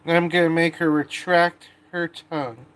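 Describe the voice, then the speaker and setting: A man's voice: on the high side, level tone, moderate pace, fairly bright tone, clear, resonant tone. A man with a laid-back stoner drawl, rambling casually and swearing as he comments on his own work. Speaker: animator narrating his own work session. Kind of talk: casual unscripted commentary while working.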